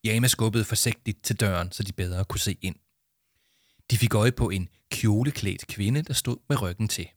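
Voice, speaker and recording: A man narrating a children's audiobook in a calm, lively storytelling manner. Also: on the low side, no room sound, clean studio sound.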